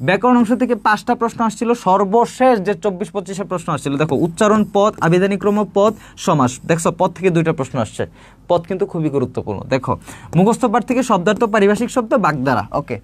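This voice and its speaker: A young male tutor from Bangladesh runs an online exam-prep lesson. His voice sits high and his delivery races along. He repeats key points and gives his students a pep talk. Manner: fast, repetitive, pep-talk teaching. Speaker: admission test tutor.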